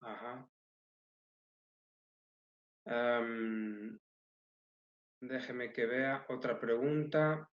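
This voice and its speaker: A man moderating a webinar, calmly reading out audience questions. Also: medium pitch, drawn-out words, long pauses, roomy sound, highs cut off. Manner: calm, brief acknowledgements.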